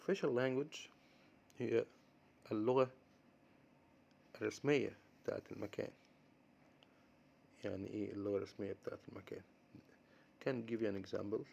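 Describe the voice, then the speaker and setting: An Egyptian man with an Egyptian accent teaches English words. He says each term slowly, then explains it quickly in Arabic. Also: mid-range voice, gravelly, dull audio. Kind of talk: vocabulary lesson mixing English and Arabic.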